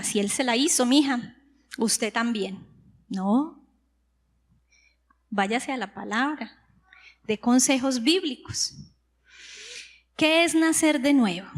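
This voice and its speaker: A woman's voice: on the high side, a bit bright. A woman preacher, teaching a sermon and explaining words step by step with rhetorical questions. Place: church hall. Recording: long hall reverb.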